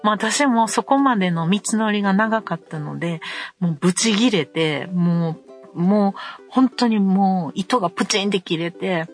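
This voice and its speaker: A middle-aged woman with a Kansai accent, hosting a podcast and telling a story in a casual, animated way. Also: mid-range voice, normal speed, soft background music. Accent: Kansai Japanese. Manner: animated storytelling, acting out quarrels. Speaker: podcast host.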